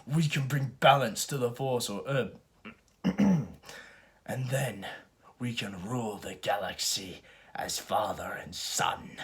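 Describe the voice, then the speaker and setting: A man voicing a menacing armored dark lord, speaking low, slow and scornful. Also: lively intonation.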